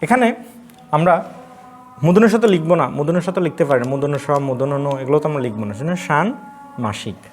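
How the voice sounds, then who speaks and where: A man from Bangladesh gives an online college lesson on pronunciation, sounding each word out slowly and often twice. His voice sits a little high for a man. He poses questions to the class and answers them himself, over a faint hiss in the background. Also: expressive, darkish tone.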